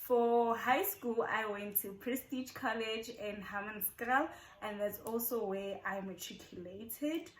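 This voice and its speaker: Her voice sits on the high side, and she talks slowly with hardly any pauses. A young South African woman in her twenties, she's a YouTuber doing a casual get-to-know-me chat, repeating points for emphasis in an echoey room.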